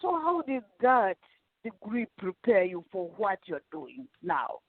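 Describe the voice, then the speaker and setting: A woman host talks slowly and warmly affirms everything her guest says, with a slightly high voice. The sound is dry, with no room at all. It comes through a thin, phone-like line. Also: big pitch swings, no echo. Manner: effusive, slow and affirming. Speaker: podcast host. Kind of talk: welcoming interview chat.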